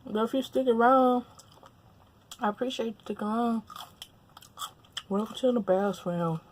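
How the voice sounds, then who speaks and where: A woman's voice: on the high side, moderate pace, a little hiss or hum. Chatty woman from Louisiana, eating. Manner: relaxed, chatty, talks with mouth full. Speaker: mukbang vlogger. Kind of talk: casual chat while eating. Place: at home, indoors. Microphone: lapel mic.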